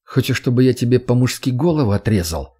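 A man voicing a blunt, sulky young swordsman in an audiobook, answering curtly and gruffly. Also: medium pitch, moderate pace, mellow, close to an everyday voice. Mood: sullen.

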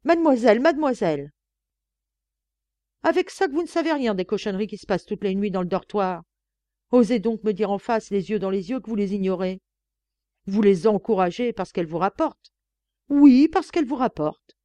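A woman reading an audiobook, voicing a defiant young chambermaid who talks back loudly and indignantly. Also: medium pitch, animated, fairly quick, no echo, lightly acted. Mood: furious. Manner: indignant, sharp-tongued, raises her voice.

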